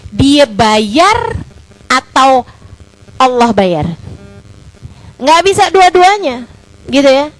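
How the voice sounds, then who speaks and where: A woman religious teacher giving a casual religious lecture, chatty and lively, with colloquial fillers and rhetorical questions. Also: high voice, extremely slow, pauses often, no echo, poor audio. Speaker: Islamic religious teacher (ustazah).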